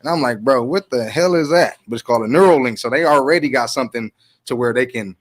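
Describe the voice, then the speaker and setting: Brief: male guest, quick and rambling, street slang, casual talk. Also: medium pitch. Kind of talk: casual group chat.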